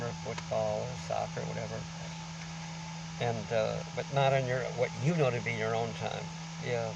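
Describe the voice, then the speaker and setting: Gravelly man talking through a face mask. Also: mid-range voice, far from the mic, heavy background noise. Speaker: vlogger. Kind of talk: rambling informal monologue to camera. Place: outdoors on a beach.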